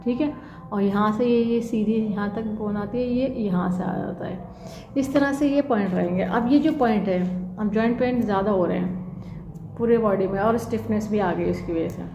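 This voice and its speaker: An acupressure instructor gives a demonstration tutorial in a medium-pitched voice at a moderate pace, guiding viewers through it and often checking in with "theek hai." The sound is lo-fi and echoey, with music in the background.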